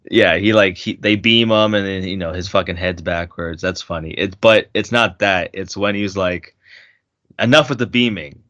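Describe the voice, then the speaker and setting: Man, very deep voice, casual podcast chat, dry, slightly dull recording. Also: moderate pace, dry recording. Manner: animated storyteller, laughs often, many restarts. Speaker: podcast co-host.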